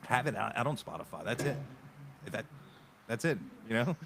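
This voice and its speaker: A man's voice: mid-range voice, expressive, normal speed, gravelly, a bit bright. A man on a podcast, talking casually through a compressor on his voice. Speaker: podcast guest, music video creator.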